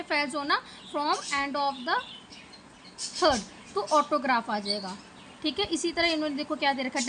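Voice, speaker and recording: A woman teacher with a high, bright voice and an Indian English accent teaches an exam-prep lesson. She explains each point step by step, often checking in with "okay". There is faint noise behind her voice. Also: rough recording. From Punjab, India.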